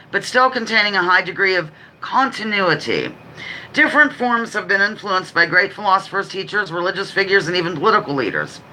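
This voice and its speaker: A woman with a very bright, sharp voice hosts a relaxed live quiz stream. She talks quickly and chattily, drifting into apologetic asides between the questions she reads aloud. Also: medium pitch, rough recording. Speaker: livestream host running a trivia quiz. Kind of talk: casual live chat with read-out quiz questions.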